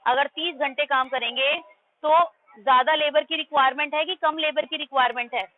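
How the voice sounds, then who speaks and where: A woman's voice: high voice, steady tone, fairly quick. A woman teacher giving a math class in Hindi-English mix, firmly correcting her pupils' pronunciation and quizzing them. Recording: tinny phone-like line.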